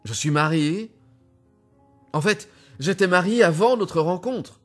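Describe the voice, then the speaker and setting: Man playing a calm, cold husband. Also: high voice, faint music behind, voice pushed up, heavily acted. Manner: calm, quiet, measured. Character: calm, cold husband regaining his memory.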